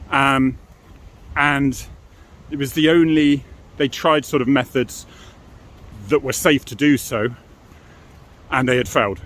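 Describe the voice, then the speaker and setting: Speaking at medium pitch, this ex-policeman, a middle-aged Brit, explains things in an informal monologue. He's frank and matter-of-fact, and he tacks tag questions onto his sentences often.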